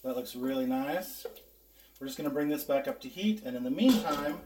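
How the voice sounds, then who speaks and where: A man's voice: mid-range voice, expressive, moderate pace, noisy background. A man hosting a casual cooking vlog, chatting to viewers in a folksy way. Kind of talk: casual taste-test and cooking demonstration. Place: indoors in a kitchen. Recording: roomy echo, distant microphone.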